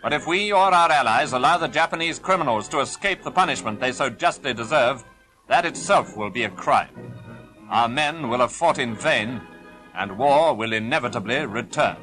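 A man's voice: medium pitch, expressive, normal speed, sharp tone, faint music behind, rough recording. A man narrating an old 1940s newsreel in a formal, stern, declaiming manner, played back from an archive soundtrack. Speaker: newsreel announcer.

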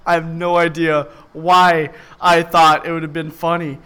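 A man's voice: on the high side, noisy background. A young man co-hosting a podcast, chatting casually and laughing often through crude banter. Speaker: podcast co-host. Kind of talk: casual chat.

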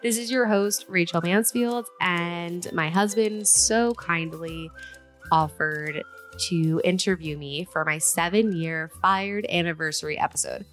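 A woman hosting her own podcast, speaking in a tired, slightly winded, raspy voice and chatting in a rambling way that often restarts sentences. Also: lowish voice, measured pace, fairly bright tone, soft background music. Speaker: podcast host. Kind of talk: solo podcast intro then casual chat.

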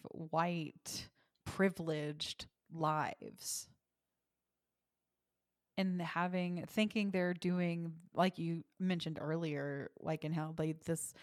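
A woman's voice: on the low side, darkish tone, dry recording, clean studio sound. A woman co-hosting a podcast in casual chat, blunt and exasperated, with many "like" fillers. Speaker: podcast co-host.

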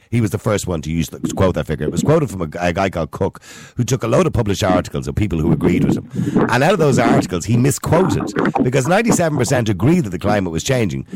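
A low-voiced man in a heated pundit debate, talking fast and insistently over his opponent. His delivery is argumentative, and the recording is close and dry. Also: darkish tone, no room sound, low-quality recording.

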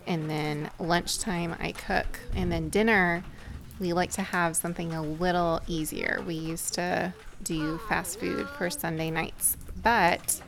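A woman podcaster in her thirties talks through family life in a relaxed, reflective way. Her voice sits a little low and has a gravelly fry. She takes her time, with a faint hiss of noise behind her. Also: takes it slowly. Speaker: podcast host. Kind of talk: casual podcast talk.

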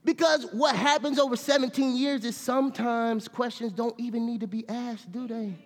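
A middle-aged man preaching a conversational sermon, dropping quiet and then rising loud and animated. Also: very high voice, normal speed. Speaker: pastor. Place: church sanctuary. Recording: long hall reverb in a church.

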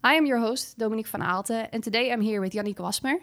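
A woman's voice: on the high side, quick pace, fairly bright tone. A woman hosting a podcast interview, giving a friendly scripted introduction and asking questions. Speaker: podcast host.

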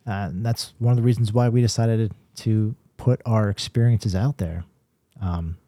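A man with a low, very dark voice talks through his ideas in an unhurried, explanatory way. He is co-hosting a casual podcast chat, often restarting his sentences, and the sound is dry and close. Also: fairly even intonation, dry recording. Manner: measured, explanatory, with filler restarts. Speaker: podcast co-host, paranormal investigator.

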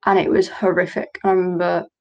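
A woman's voice: on the low side, flat delivery, fairly quick, highs cut off. Candid businesswoman guest, earnest, recounting in conversation. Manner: earnest, candid, reenacts quotes. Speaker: guest, small business owner. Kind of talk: conversational storytelling.

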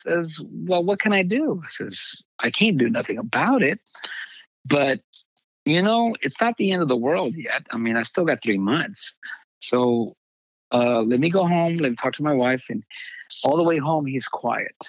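Older man, pastor, halting testimony, acts out quoted voices, dry dull-sounding recording. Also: mid-range voice, lively intonation, no echo. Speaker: pastor, guest. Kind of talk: personal testimony in conversation.

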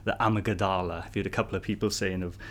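Low-voiced male co-host, relaxed and chatty, keeps asking "isn't it?". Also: fast talker. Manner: chatty, asks rhetorical tag questions. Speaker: podcast co-host. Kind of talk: casual educational chat.

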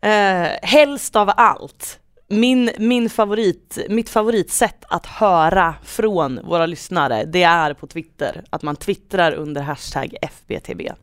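Smooth, lowish-voiced woman podcast host. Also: dry recording, clean studio sound. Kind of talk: casual football podcast talk.

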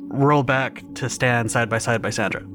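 A man's voice: mid-range voice, moderate pace. Casual man playing a tabletop game over music. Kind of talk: casual, profane gaming chat.

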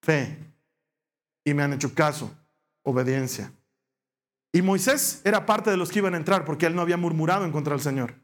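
A middle-aged man with a Bolivian Spanish accent preaches in a fairly high voice. He retells scripture as a story, slipping into the characters' lines with big swings of pitch. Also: expressive, brisk, pauses often. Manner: storytelling, acts out dialogue with shifting pitch. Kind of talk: sermon.

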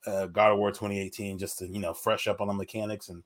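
A man with a slightly deep voice talks in a relaxed, unscripted way with his friends. He swears freely and laughs easily as he rambles through the conversation. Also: quick pace. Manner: laid-back, profane, laughs often. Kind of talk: casual chat.

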